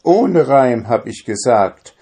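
A man's voice: mid-range voice, expressive, slow, a little mellow, voice pushed up. A man voicing an anxious, easily flustered male dwarf in a storybook reading. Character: fretful bearded male dwarf.

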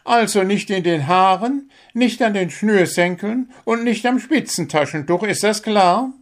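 In a storybook reading, a tiny bird who coaches football scolds his team sharply in a shrill, piping voice, mocking them with sarcasm. He speaks loudly and firmly, pitched well above normal speech, with lively intonation and an unhurried pace.

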